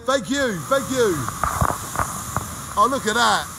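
Holding his phone at arm's length, a middle-aged man vlogs from an outdoor car wash, chatting cheerfully with viewers in showman style. He speaks slowly in a very high-pitched voice with vocal fry, amid heavy background noise.

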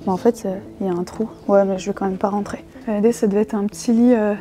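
Excited young French woman vlogger, dark voice. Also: mid-range voice, fast talker, faint music behind. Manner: excited, chatty, often hushed while exploring. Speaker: urbex vlogger. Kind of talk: casual vlog narration with sponsored segment. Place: outdoors at an abandoned resort.

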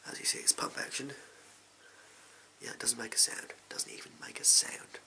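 A man's voice: normal speed, bright, forceful tone. A young English man in a whispered role-play, playing a shady, amoral backstreet gun dealer with furtive, clipped, offhand sleazy salesman patter. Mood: furtive, casual. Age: young adult. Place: small indoor room at home. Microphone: close to the camera.

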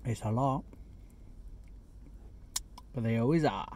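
A man reviewing a fast food burger in a chatty, casual vlog, sometimes talking with his mouth full, sitting in a parked car. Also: medium pitch, animated, vocal fry, darkish tone, a little hiss or hum. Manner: chatty, eats while talking, self-deprecating asides. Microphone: phone camera.

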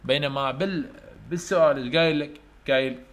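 A man with an Iraqi Arabic accent gives a university English lecture, reading English questions slowly and explaining them in Arabic. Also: on the high side, a bit bright. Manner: asks students questions and answers them himself. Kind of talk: online lecture.

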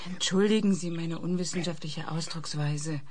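A woman's voice: deep voice, normal speed, darkish tone. A woman playing a sceptical, pointed interviewer in an audio drama, probing, articulate and challenging. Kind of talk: German audio drama acting.

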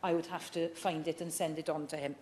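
Low-voiced woman making a debate speech. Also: little pitch movement, a little fast, darkish tone, slight background noise. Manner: reads prepared remarks, firm and earnest. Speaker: member of parliament. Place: large wood-panelled debating chamber.

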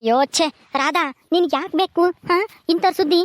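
A woman as a reproachful village headman. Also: very high voice. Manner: reproachful, measured scolding. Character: respected middle-aged village headman, disappointed.

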